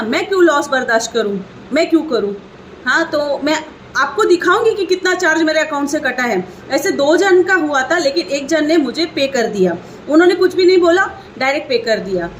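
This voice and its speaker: A woman's voice: sits high, a little hiss or hum. A young woman, an online seller, venting angrily in a vlog about a customer who cheated her, repeating her points with heat. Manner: indignant, ranting, repeats points. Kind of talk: angry complaint vlog.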